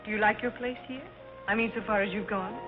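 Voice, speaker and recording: An actress playing a haughty, spoiled young socialite trading imperious screwball comedy banter in a 1930s film style. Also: female voice, mid-range voice, fairly even intonation, fast talker, lightly acted. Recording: dull old film soundtrack, music behind.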